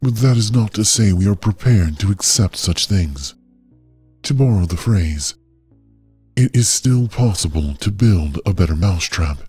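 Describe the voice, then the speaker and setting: An actor playing a calm, coldly polite AI caretaker, a gentle care robot that speaks in a soothing, measured, clinical way. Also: male voice, low-pitched, breathy edge, soft background music, heavily acted. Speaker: AI overseer of a medical trial. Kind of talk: audio drama narration.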